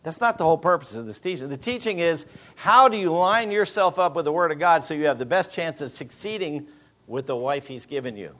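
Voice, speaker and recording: Fifty-something guy preaching, fairly high voice, punchy, lots of questions thrown at the crowd. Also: animated, a little fast, fairly bright tone. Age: 50s. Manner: emphatic preaching with rhetorical questions. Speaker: pastor. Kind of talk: sermon.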